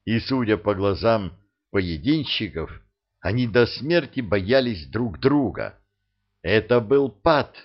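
A man narrating a humorous fantasy audiobook, bringing the characters to life in an expressive reading. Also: fairly low pitch, slow, dull audio. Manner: expressive storytelling, acting out the characters. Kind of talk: scripted narration.

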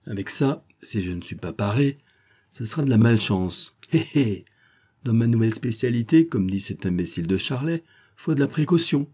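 A man voicing a cheeky young male actor-sleuth who talks in lively street slang. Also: mid-range voice, normal speed, slightly rough. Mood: scheming.

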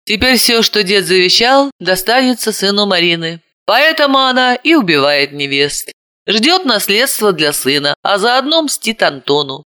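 A weary, usually calm young woman in a storybook, musing aloud in a lively, bright voice, read by a woman narrator. The tone is sighing and thoughtful. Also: mid-range voice, normal speed, no room sound, clean studio sound.

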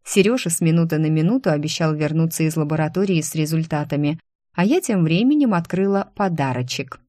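A woman reads a first-person audiobook with lively expression. Her voice sits a little low. The recording is close and dry, with no room echo. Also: a little fast. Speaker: audiobook narrator.

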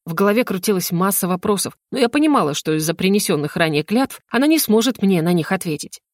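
A woman narrating a first-person fantasy audiobook in an even, measured way. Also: mid-range voice, no echo, studio quality.

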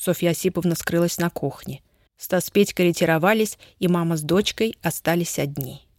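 Female audiobook narrator, children's story, clear even delivery, dry booth sound. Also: on the low side, brisk, dry recording.

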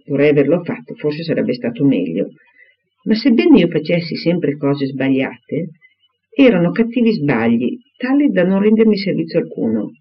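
A man reading a charming young gentleman. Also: on the high side, husky, lo-fi sound.

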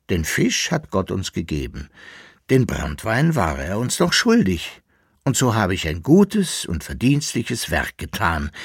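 A sly old rogue, voiced by a man, boasts and spins excuses in a rhyming singsong for an audiobook. The voice swings widely in pitch and stays husky. The sound is close and dry. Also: no room sound, heavily acted. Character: boastful scheming old male drinking companion.

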